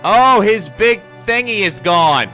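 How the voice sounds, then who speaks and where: A woman co-hosts a let's play with playful, joking chat. Her voice is bright and swings around in pitch, with faint music behind. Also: animated, slow. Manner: goofy, playful. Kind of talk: casual joking game commentary.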